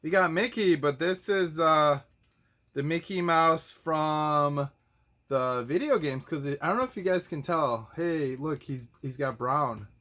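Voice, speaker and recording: Showing toys to kids on a playful program, a male host and teacher speaks with a fairly high, bright, forceful voice. He takes his time, hamming it up with goofy theatrics and silly exclamations in a casual chat.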